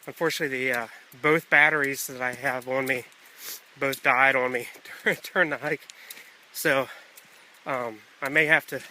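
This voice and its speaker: A man narrating a hiking vlog in a casual, unscripted way, often pausing mid-thought, recorded outdoors on a handheld camera. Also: medium pitch, bright, forceful tone. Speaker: hiker filming a trail vlog. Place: outdoors on a wooded rocky trail near a stream. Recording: outdoor camera audio with ambient noise.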